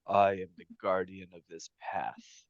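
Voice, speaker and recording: Tabletop fantasy guardian spirit, male performer: low, solemn, commanding, otherworldly, dry dull recording. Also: measured pace, gravelly, dry recording. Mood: solemn menace.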